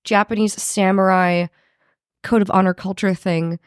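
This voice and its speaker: A woman co-hosting a casual recap podcast, talking informally with a creaky voice full of vocal fry. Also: mid-range voice, fairly even intonation, moderate pace, dry recording, studio quality. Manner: informal, swearing, frequent "like". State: husky from recent covid. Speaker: podcast co-host.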